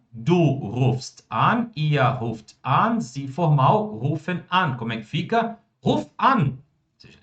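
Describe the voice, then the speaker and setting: A man teaching German in an online lesson, with a voice in the middle of the usual range. He talks in a lively, chatty way, often tagging his sentences with little check-ins. He slows down and spells out each German example with care. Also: mid-range voice, muffled recording.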